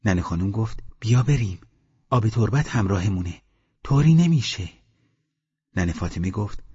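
A man's voice: lowish voice, darkish tone, slightly rough. A man narrating an audiobook of village stories, raising his voice for the villagers' lines. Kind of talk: storytelling audiobook reading. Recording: dull lo-fi recording.

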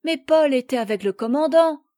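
A woman's voice: sits high, animated, moderate pace, dark tone, pitched above the performer's own voice. A woman reading the lines of a loyal, indignant young boy in a storybook.

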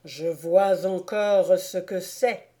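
A woman's voice: on the low side, fairly even intonation, very slow, dark tone. Woman voicing a thundering old schoolmaster. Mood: stern. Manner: thundering, ironic scolding. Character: stern elderly male schoolmaster. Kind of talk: audiobook character voice.

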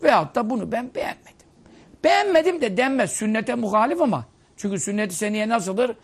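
A man's voice: high voice, animated, fairly quick. A male preacher giving a conversational sermon, humorous and scolding, telling stories.

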